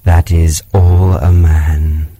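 Man reader doing a grave, deep, slow-speaking panther, husky and dry; storybook read. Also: flat delivery, mellow, dry recording, exaggerated voice. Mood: solemn.

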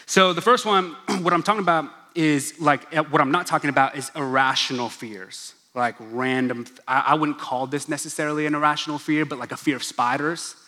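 A young man from Oklahoma, USA, delivers a casual, joking sermon as a pastor at a church gathering, tossing asides to the crowd. His fairly high voice is pushed and bright, with fairly even intonation, a slightly quick pace and few pauses. The long reverb of the large church hall surrounds him.

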